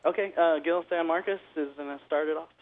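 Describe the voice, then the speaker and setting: A man calling in by phone, chatting casually with many pauses and fillers. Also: a little high. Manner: relaxed, filler-heavy talk. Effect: heard over a phone line. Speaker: band member calling in. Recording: tinny phone line.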